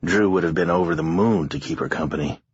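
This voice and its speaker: Audiobook narrator: man with a very deep, husky voice and dull lo-fi sound. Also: fairly even intonation, fast talker, no echo. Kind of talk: scripted narration.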